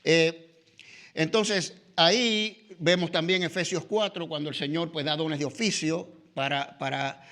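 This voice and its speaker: A man's voice: a little high, steady tone, measured pace, a bit bright. A middle-aged man with a Latin American Spanish accent teaching a church discipleship class, conversational, often tagging lines with "¿verdad?" and "eh". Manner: conversational, frequent "¿verdad?" and "¿no?" tags, filler "eh". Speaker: Bible teacher.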